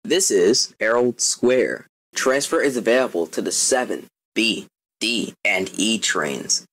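A man gives scripted subway announcements in formal, clipped phrases. His voice is fairly low and a bit rough, with animated intonation and a dry, close sound. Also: slow pace, no room sound, low-quality recording.

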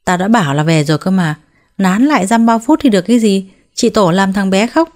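A woman voicing a harsh, domineering older mother-in-law who talks loud and scolding, with a mellow tone. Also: mid-range voice, animated, a little fast, lightly acted. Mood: dismissive.

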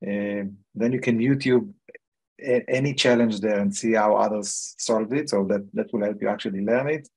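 A middle-aged man, hosting a meetup panel over a video call, speaking haltingly with many fillers and restarts. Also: fairly low pitch, husky, low-quality recording. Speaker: meetup host. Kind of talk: casual panel chat.

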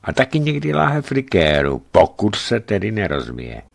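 A man's voice: fairly low pitch, wildly swooping pitch, gravelly, pitched above the performer's own voice, heavily acted. A man reading as a weary desert outpost commander. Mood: resigned.

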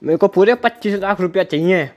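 A young man with a Haryanvi accent, shouting abusively in a staged phone argument at home during a prank. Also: high-pitched, a little fast, soft background music.

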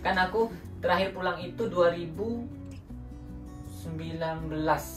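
A man's voice: high voice, measured pace. A young man from Indonesia hosting a casual home vlog, chatting to his viewers and often calling them guys. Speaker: vlog host. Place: small room at home, indoors. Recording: roomy, distant sound with background music.

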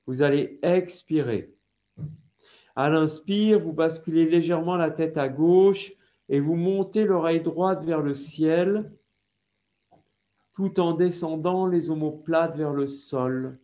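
A man with a French accent leading a yoga class over a video call, giving slow, calm instructions with breathing cues. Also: on the high side, lo-fi sound. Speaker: yoga teacher.

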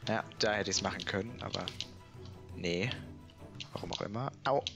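Gravelly-voiced man commenting on a game. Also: lowish voice, moderate pace, over music. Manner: chatty, muttering, swears and laughs. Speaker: let's play gamer.

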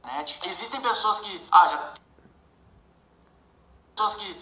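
A woman's voice: medium pitch, lively intonation, a little slow, pushed and bright. A woman talking casually to camera in a played clip, her voice run through a canyon-like echo effect. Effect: canyon-like echo effect added in an editing app.

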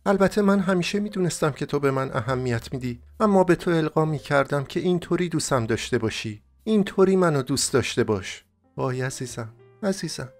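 A man's voice: lively intonation, hardly any pauses, soft background music. Man voicing a tearful young woman. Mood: bewildered. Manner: high-pitched, pleading, tearful. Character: young heartbroken woman, emotional and tender. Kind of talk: audiobook character voicing.

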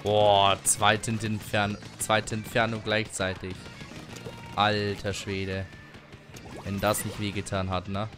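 A man giving casual commentary while playing an online shooter, excitable, humming and swearing at times. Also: fairly low pitch, slow, over music. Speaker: gaming livestreamer.

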